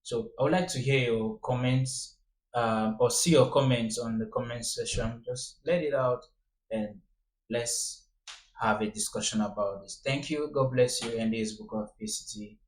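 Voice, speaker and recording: A man's voice: mid-range voice, moderate pace, echoey room, low-quality recording. A man giving a casual, earnest warning to his viewers. He keeps repeating his pleas to be careful. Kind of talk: casual direct-to-camera commentary.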